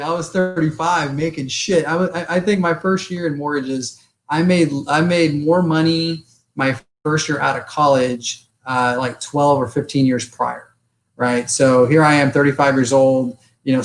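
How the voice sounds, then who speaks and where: A man around forty hosts a relaxed podcast chat. His voice sits a touch higher than most men's. He talks loosely, swears often and keeps checking in with "right?". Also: poor audio. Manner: loose and chatty, swears freely, ends points with "right?". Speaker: podcast host. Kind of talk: casual chat.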